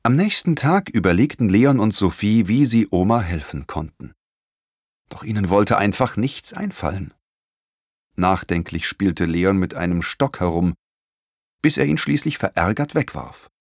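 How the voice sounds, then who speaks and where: A man narrating a children's storybook in an expressive, animated reading. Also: fairly low pitch, unhurried, dry recording, studio quality. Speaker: audiobook narrator.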